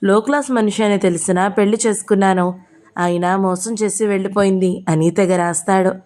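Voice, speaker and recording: A woman's voice: medium pitch, fairly even intonation, fairly quick, darkish tone, close to an everyday voice. Earnest young wife read by a woman. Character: young wife telling her troubles, gentle and earnest. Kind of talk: audio novel reading.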